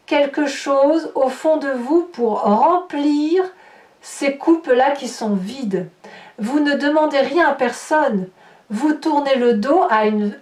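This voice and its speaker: A woman's voice: high voice, a little mellow. Woman reading tarot, echoey and distant. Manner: chatty, reassuring, with spoken restarts. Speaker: tarot reader.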